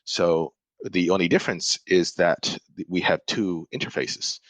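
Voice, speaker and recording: In a dry, rough recording, a low-pitched man from Malaysia speaks a little slowly. He's a software developer guesting on a podcast, thoughtfully explaining things in relaxed interview conversation and frequently starting sentences over.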